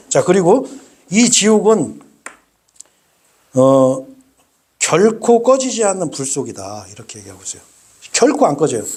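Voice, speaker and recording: A middle-aged man preaching a sermon as a pastor, talking in an animated way and acting out voices. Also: high-pitched, breathy edge. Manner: animated, acts out quoted voices.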